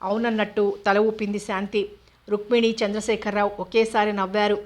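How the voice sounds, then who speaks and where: Lady reading a novel aloud, steady and even, not much pitch movement. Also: moderate pace. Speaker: audiobook narrator.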